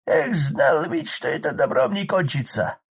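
A man voicing a hoarse, garrulous drunken village man who fusses, crosses himself and rambles excitedly in a storybook. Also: fairly high pitch, measured pace, voice pushed up, full character voice. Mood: agitated fussing. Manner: rambling, excitable, pious muttering. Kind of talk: audiobook character voice.

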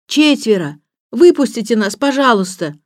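A woman voicing an excited young boy who calls out loudly and pleads. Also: a little high, normal speed, no room sound, clean studio sound, voice pushed up. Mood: shouting. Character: excited shouting young boy trapped on a roof.

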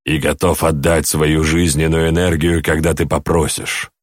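A man's voice: extremely low pitch, level tone, normal speed, no echo, clean studio sound. A man voicing a lanky male demon who speaks in a formal, grave way in a storybook reading. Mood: solemn.

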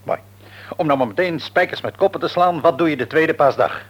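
In a Dutch radio drama recording, an actor with a Netherlands accent plays a shrewd, patronising middle-aged father and businessman. His voice sits on the high side, fairly quick and close to everyday speech, and he sounds brisk and businesslike, wordy and probing. The character seems jovial on the surface but is secretly domineering.

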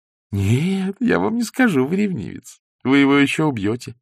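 A man's voice: fairly high pitch, very animated, moderate pace, vocal fry, slightly rough, no echo, studio quality, pitched above the performer's own voice, heavily acted. A man voicing a coy, teasing young woman.

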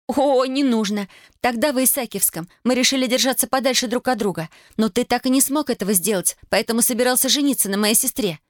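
Narrator doing an indignant young woman, high and loud, bitterly reproachful, audiobook. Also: fast talker, dry recording, studio quality.

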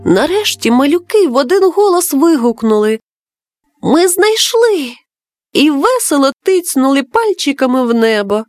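A woman's voice: sits high, big pitch swings, moderate pace, few pauses, a little mellow, no echo, studio quality, faint music behind. A woman narrating a bedtime story in a tender way, speaking directly and fondly to a child listener. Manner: tender, addresses the listener as "my little heart".

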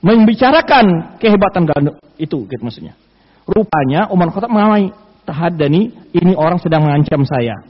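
A man giving an Islamic study sermon, explaining hadith and reciting Arabic quotes. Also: high voice. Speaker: preacher. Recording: dull lo-fi audio in a reverberant hall.

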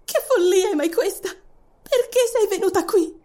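A woman voicing a frightened, indignant young queen in an audiobook, speaking in shrill, panicked cries and stammers. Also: measured pace, mellow. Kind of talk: audiobook voice acting.

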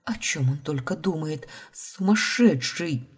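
A woman's voice: sits low, lively intonation, unhurried, slightly rough, heavily acted. A woman reading as a heartbroken young heroine. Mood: desperate. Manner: pleading, tearful, rising to outbursts.

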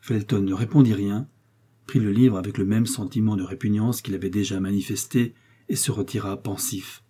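A man narrating an audiobook in a steady, measured reading. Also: on the low side, slightly rough. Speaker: audiobook reader.

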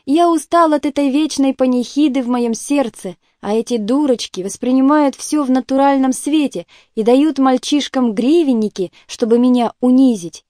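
A woman's voice: high-pitched, warm tone, no room sound, clean studio sound. A woman reading an audiobook, voicing a bitter, self-pitying male doctor who groans and breaks into agitated outbursts.

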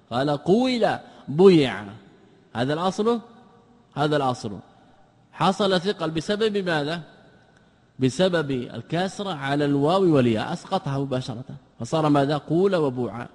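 A man's voice: medium pitch, darkish tone, in a large hall. A man giving a classical grammar lesson, often asking his own questions and answering them. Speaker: teacher of Arabic grammar.

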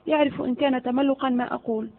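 A woman reading the part of a cunning male servant who flatters his master. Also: high voice, fast talker, vocal fry. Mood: sly. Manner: flattering, sly. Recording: phone-like narrow audio.

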